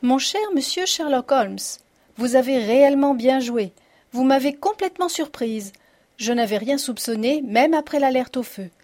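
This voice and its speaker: A woman's voice: high-pitched, moderate pace, darkish tone. Witty confident woman, poised and wry, read by a woman narrator. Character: witty confident woman writing a farewell letter. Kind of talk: audiobook reading.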